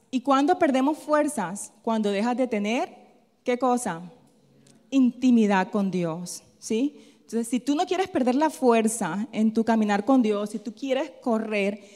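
A woman preacher with a fairly high voice tells a personal story in a softer, chatty tone, repeatedly posing questions and answering them herself. She tags her lines with a quick "¿sí?" in this call-and-response sermon. Her words ring out in a long hall reverb.

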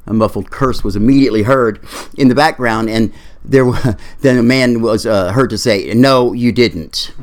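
A male pastor delivering a sermon, telling a story with lively quoted voices. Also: mid-range voice, moderate pace.

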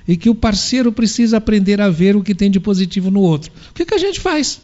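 A man's voice: high voice, animated, fast talker, a little mellow. A man giving a spiritual sermon, posing rhetorical questions and answering them himself. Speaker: spiritual lecturer. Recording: dull lo-fi recording.

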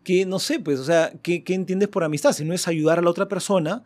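A man with a fairly high voice talks casually among others. He recounts things in an animated way and keeps seeking agreement with little tag questions. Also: a little fast. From Peru. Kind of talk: casual group conversation with anecdotes.

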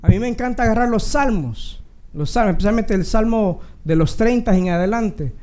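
A man's voice: high-pitched, normal speed, warm tone. A man with a Dominican accent preaching a sermon, earnest and conversational, with bursts of humor. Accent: Dominican Spanish. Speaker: pastor.

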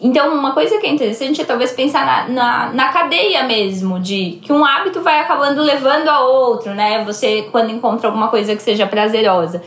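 A Brazilian woman with a fairly high voice, recorded in an echoey space. She explains things conversationally and reflectively, working through examples as a guest on a talk podcast. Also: fairly quick, hardly any pauses, fairly bright tone. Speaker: podcast guest giving advice. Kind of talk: casual explanatory chat. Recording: roomy, echoey sound.

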